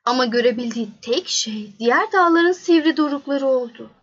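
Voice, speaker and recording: A woman narrating a children's storybook in a gentle, measured way. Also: high-pitched, expressive, dull audio.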